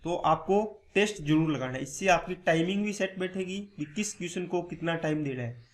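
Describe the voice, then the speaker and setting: A man's voice: fairly high pitch, fairly quick. A male teacher explaining a maths exam lesson step by step, asking questions and answering them himself. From India. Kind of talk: exam-prep lecture.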